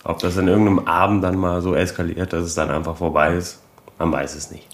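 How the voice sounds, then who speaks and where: A man's voice: deep voice, flat delivery, fast. A man co-hosting a casual podcast chat, laid-back and tagging his sentences with questions. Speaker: podcast co-host.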